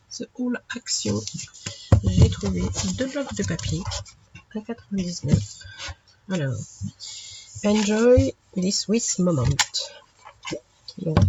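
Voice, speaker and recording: A woman hosting a craft channel, showing her purchases in a relaxed, chatty way with many fillers. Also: mid-range voice. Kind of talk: casual haul video. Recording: lo-fi with audible background noise.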